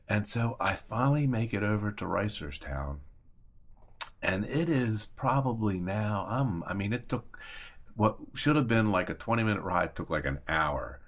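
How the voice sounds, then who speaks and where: A low-voiced man, a real estate agent and attorney, tells a personal story casually to the camera. His manner is conversational and mildly profane, and he acts out dialogue he remembers.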